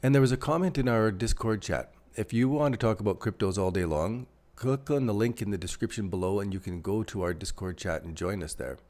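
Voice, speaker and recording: A man's voice: fairly low pitch, a little fast, few pauses, darkish tone. A man with a Canadian accent hosting a casual livestream, thinking aloud over charts and answering viewer chat. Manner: rambling, thinks aloud while drawing on charts. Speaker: crypto livestream host.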